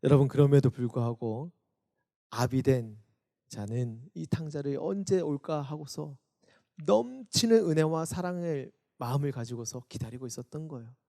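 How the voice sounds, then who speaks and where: A man, a youth pastor, preaching a Sunday sermon for an online service; he acts out quoted voices, rising loud and then dropping soft. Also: medium pitch, normal speed, vocal fry.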